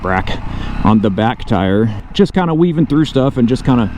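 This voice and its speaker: A man's voice: medium pitch, lively intonation, normal speed. A man narrating a casual, off-the-cuff vlog outdoors on a motorcycle, thinking aloud to himself and his viewers. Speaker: motovlogger. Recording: loud vehicle and outdoor noise.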